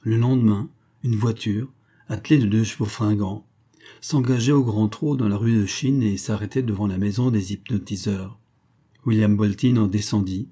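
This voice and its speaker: A man reading an audiobook aloud in a measured, even storytelling manner. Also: fairly low pitch, breathy edge. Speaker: audiobook narrator. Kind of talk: scripted audiobook narration.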